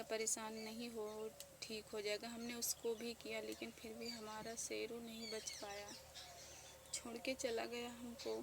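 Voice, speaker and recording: A woman in her thirties speaking softly with grief as she tells a casual village vlog story outdoors. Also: fairly high pitch. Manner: grieving, soft-spoken. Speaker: village vlogger. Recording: noisy outdoor village ambience.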